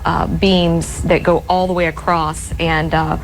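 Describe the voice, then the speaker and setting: A woman working as a news anchor, ad-libbing live breaking coverage from a newsroom in a measured, explanatory way. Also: sits low, flat delivery, faint music behind, rough recording. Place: TV newsroom, indoors. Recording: clear background noise, ambient sound.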